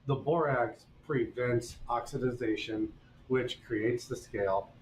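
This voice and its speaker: A man's voice: mid-range voice, slow pace, roomy sound, slight background noise, poor audio. A man teaching blacksmithing on a live stream, explaining each step in a folksy, casual way. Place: forge workshop.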